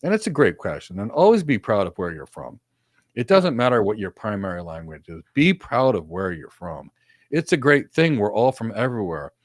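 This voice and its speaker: A man with a fairly low voice and big swings in pitch talks at a moderate pace while co-hosting a live career question session. Using a desk webcam on a video call in his home office with several monitors, he gives earnest, short, repeated instructions. The audio is studio quality, without echo.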